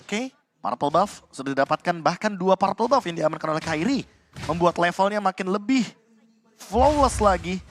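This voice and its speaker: A man's voice: high voice, expressive, normal speed, slight background noise. A man giving analytical esports commentary as a co-caster.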